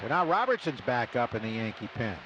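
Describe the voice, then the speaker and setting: This live radio baseball call comes from an American man in the stadium booth, his mid-range voice very animated and a bit fast. The broadcast is muffled and backed by loud ballpark ambience.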